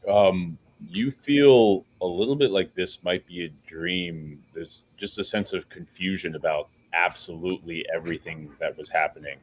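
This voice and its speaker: A man with a low voice runs a tabletop game as its game master. He narrates in halting, dramatic phrases, with some background noise behind him. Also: low-quality recording.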